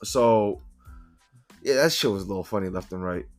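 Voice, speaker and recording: A young man from Philadelphia with a fairly low voice tells animated stories as a podcast host, cursing freely. Quiet music plays faintly underneath. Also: normal speed. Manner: animated storyteller, swears freely. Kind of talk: casual chat.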